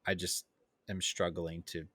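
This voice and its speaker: Easygoing man, podcast co-host, lowish voice, dry close sound. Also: level tone, a little slow, fairly bright tone, dry recording. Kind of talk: casual chat.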